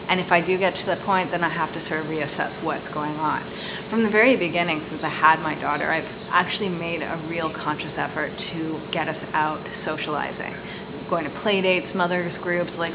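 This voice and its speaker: A woman's voice: on the low side, noisy background. A young woman from Canada hosting a casual vlog, chatty and prone to repeating words as she thinks. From Canada (Montreal). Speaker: host. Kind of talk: casual talking-to-camera vlog.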